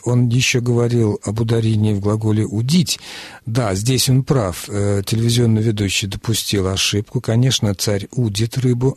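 Low-voiced male radio host. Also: a little mellow, no room sound, studio quality. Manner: deliberate, instructive. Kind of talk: radio explanation of listener questions. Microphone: studio microphone.

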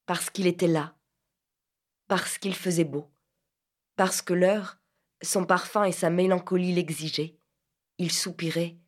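Low-voiced woman reading a novel. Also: fairly even intonation, measured pace, long pauses. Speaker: audiobook narrator. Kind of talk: scripted literary narration.

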